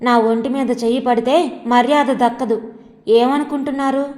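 Defiant young wife, read by a woman, proud, fairly high, long reverb. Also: steady tone, moderate pace, a little mellow, natural voice.

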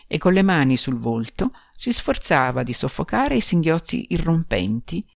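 Woman audiobook narrator, expressive literary reading, lively pitch, dry close sound. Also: vocal fry, no room sound. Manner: expressive, measured storytelling.

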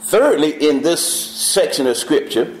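A man teaching a Bible study class, reading scripture slowly and questioning the class. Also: a little high, very animated. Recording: echoey church room.

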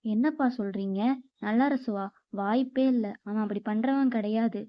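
A woman's voice: a little high, moderate pace, no echo, lo-fi sound, voice pushed down, lightly acted. A woman voicing a stern old male village elder who presides over a dispute and scolds the people around him. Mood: indignant. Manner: commanding, scolding.

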